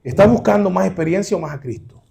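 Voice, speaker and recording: Emphatic high-voiced preacher with gravelly edge. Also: male voice, lively intonation, fast talker. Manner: emphatic preaching, swinging between loud exclamations and low asides; addresses listeners directly as brothers, asking rhetorical questions. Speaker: pastor. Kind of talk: sermon.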